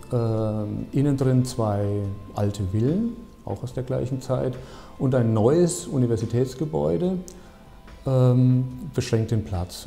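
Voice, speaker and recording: Dark-voiced architect, measured and hesitant. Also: male voice, mid-range voice, gravelly. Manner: measured, thoughtful, frequent hesitations. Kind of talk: documentary interview. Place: bright office, seated at a desk.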